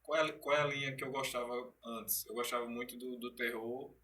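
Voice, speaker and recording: Man, guest actor, animated storyteller, bright tone, recorded from a distance. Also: mid-range voice, fairly quick. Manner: animated storyteller, frequent restarts. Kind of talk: casual interview chat. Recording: distant from the mic.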